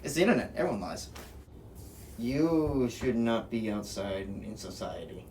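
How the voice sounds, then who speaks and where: A young man joking through casual podcast banter, goofy and quick to mock himself, his pitch swinging widely. He sits away from the mic, with a faint hiss behind him. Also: sing-song, dark tone. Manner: playful, self-mocking, goofy. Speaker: podcast co-host. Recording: distant mic with faint noise.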